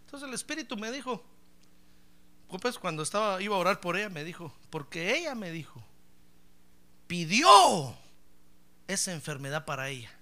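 A man's voice: sits high, sing-song, moderate pace, pauses often, pushed and bright. A middle-aged man, a pastor, preaching a sermon and acting out both sides of a story's dialogue, calling his listeners brother. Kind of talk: sermon with acted anecdote.

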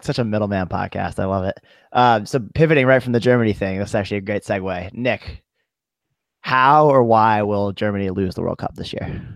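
A man's voice: lowish voice, vocal fry, dry recording. A man hosting a podcast who playfully steers the chat and puts questions to his co-hosts. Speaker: podcast host. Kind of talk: casual podcast moderation.

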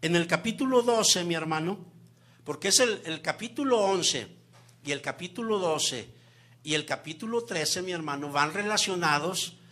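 A man preaching a sermon, keeps addressing the listeners as brother, and swings between loud emphasis and soft near-whispers. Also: high voice, moderate pace. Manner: lively preaching with frequent "mi hermano" asides.

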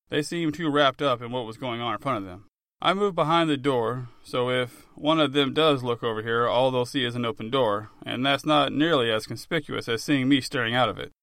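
Man, audiobook narrator, plain steady first-person read, dry close recording. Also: mid-range voice, no echo.

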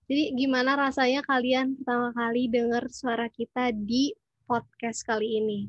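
A woman's voice: on the high side, level tone, normal speed, no echo, highs cut off. A teenage young woman, chatting in an informal, agreeable way as a podcast co-host. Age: teens. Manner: agreeable, informal, slang with English fillers. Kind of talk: casual podcast chat.

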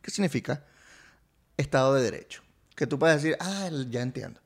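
A man's voice: medium pitch, lively intonation, moderate pace, creaky. Venezuelan man co-hosting a casual talk. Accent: Venezuelan Spanish. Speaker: co-host. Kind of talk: casual explanatory chat.

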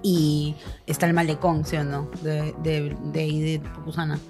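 A woman's voice: sits low, little pitch movement, normal speed, music in the background. A woman with a Peruvian accent telling a funny family story to friends, laughing often and acting out the voices of the people in it. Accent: Peruvian Spanish. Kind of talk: casual storytelling.

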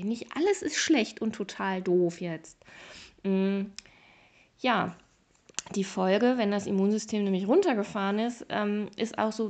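A woman's voice: mid-range voice, a little mellow. A woman hosting a motivational podcast, talking casually and emphatically straight to the listener, with playful exaggeration. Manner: casual and chatty with fillers. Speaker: podcast host.

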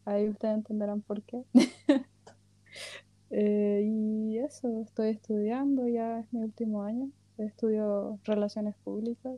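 A woman's voice: medium pitch, fairly even intonation, unhurried, dry recording, dull audio. A woman in her early twenties with a Chilean accent, co-hosting a casual podcast with jokes and frequent laughter. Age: 20s. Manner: joking, self-mocking, laughs often. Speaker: podcast co-host.

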